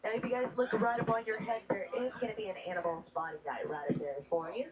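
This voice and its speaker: A woman's voice: medium pitch, steady tone, quick pace, far from the mic. A woman working as a safari tour guide, giving an upbeat, chatty live spiel from an open truck. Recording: loud crowd and vehicle noise around.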